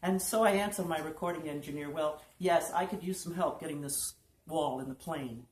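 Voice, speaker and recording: Woman reading prose aloud in an echoey room. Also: sits low. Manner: measured, deliberate reading with pauses on lists. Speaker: poetry reader. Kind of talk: live prose reading at an art walk. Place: art lofts gallery, indoors. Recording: roomy room reverb, faint background hum.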